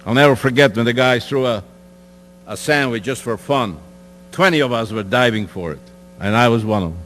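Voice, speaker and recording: A man's voice: medium pitch, fairly quick, a bit bright. A man in his eighties giving a plain, direct account to a school audience, with conversational asides. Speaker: Holocaust survivor speaker. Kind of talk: testimony talk to students. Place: school hall. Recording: echoey hall with faint mains hum.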